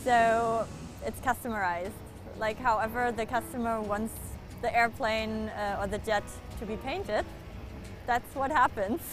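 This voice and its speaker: A woman's voice: on the high side, measured pace. Chatty woman with music behind. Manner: chatty, laughs between points. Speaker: private jet handling staff. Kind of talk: interview answers. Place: airport office.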